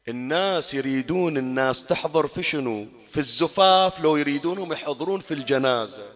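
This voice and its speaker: A man with a Bahraini Arabic accent giving a Shia mourning sermon, moving from soft storytelling to loud, wailing climaxes. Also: mid-range voice. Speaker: preacher. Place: mourning hall.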